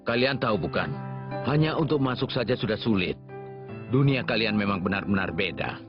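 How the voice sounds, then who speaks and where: Man as a nervous middle-aged gatekeeper, low voice, lo-fi fan dub with music under it. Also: lively intonation, brisk, natural voice. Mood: explaining. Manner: polite, fretful, hesitant. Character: middle-aged male gatekeeper, flustered and dutiful. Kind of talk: amateur anime fan dub. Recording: lo-fi with background music.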